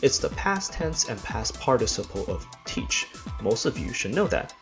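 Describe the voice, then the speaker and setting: A man talks through pronunciation rules for an English test in a scripted lesson, dropping dry little jokes as he goes. His voice swings lively up and down with a gravelly fry at the edges. Soft music plays faintly underneath. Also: medium pitch, normal speed. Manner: dry jokey asides while explaining pronunciation rules. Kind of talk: scripted instructional explanation.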